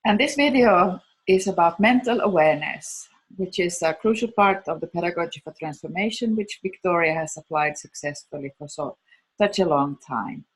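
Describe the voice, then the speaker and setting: A woman's voice: lowish voice, normal speed, husky. Woman introducing a video. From Finland. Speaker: host.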